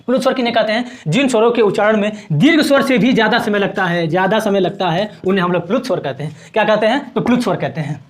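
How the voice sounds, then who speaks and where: A man's voice: high voice, quick pace, few pauses. A man teaching a grammar lesson at a board, asking questions and answering them himself and repeating each definition.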